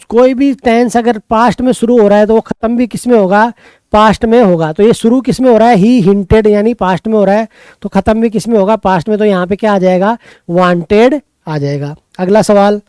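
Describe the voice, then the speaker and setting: A man's voice: high voice, dark tone, smooth, no room sound. A man with a Rajasthani Hindi accent, walking through an exam paper as a tutor and answering his own quiz questions. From Rajasthan, India. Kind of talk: exam paper walkthrough lesson.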